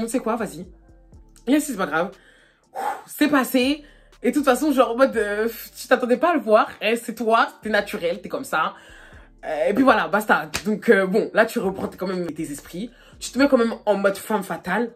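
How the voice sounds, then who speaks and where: Husky young woman telling an excitable story. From France. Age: young adult. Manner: animated, excitable storytelling with fillers, squealing high when embarrassed. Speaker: vlogger. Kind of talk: casual storytime. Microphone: phone camera.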